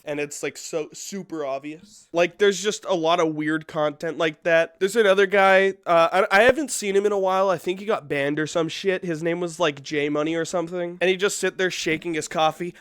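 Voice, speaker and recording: Profane young man ranting, smooth voice. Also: fairly high pitch, no echo, studio quality. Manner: profane, sarcastic, rambling. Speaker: YouTube commentary host. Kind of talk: casual rant commentary.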